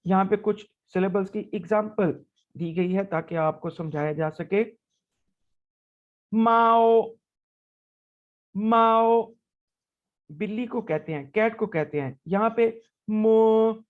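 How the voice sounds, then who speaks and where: A man's voice: high-pitched, narrow, tinny audio. A man teaching a language lesson, patiently explaining step by step and saying each syllable twice to model its tone. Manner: patient, step-by-step explaining with frequent "right?" checks.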